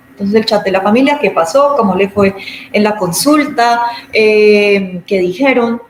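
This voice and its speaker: A woman's voice: medium pitch, noisy background. Woman explaining in a roomy space. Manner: explanatory, acts out everyday examples. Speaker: speaker on patient communication. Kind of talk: informal lecture. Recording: roomy echo, faint background ambience.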